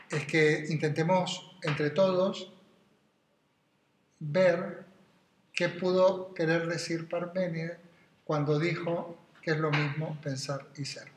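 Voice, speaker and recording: A man giving a philosophy class to students, talking in a digressive way and checking in with tag questions. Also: a little high. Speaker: philosophy teacher. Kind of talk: classroom lecture. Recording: echoey room with faint noise.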